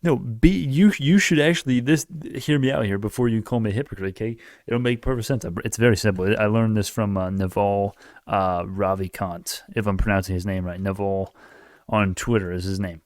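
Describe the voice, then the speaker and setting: A late-teen male YouTube commentator rambles through an opinionated, casual political rant to camera, often restarting and correcting himself. His voice is lowish and his speed normal. The sound is clean studio quality with no echo.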